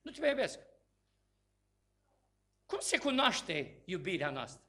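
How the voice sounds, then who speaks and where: A male preacher with a high, bright and sharp voice delivers a sermon to his congregation. He poses rhetorical questions and swells into forceful, emphatic bursts before dropping back down. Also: very animated, breathy edge.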